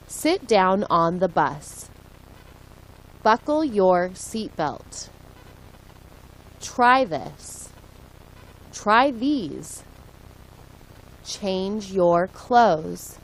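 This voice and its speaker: A woman reading short English phrases aloud for learners, clear and deliberate, one phrase at a time. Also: mid-range voice, low-quality recording. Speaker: English lesson reader. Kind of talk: slow read-aloud for learners.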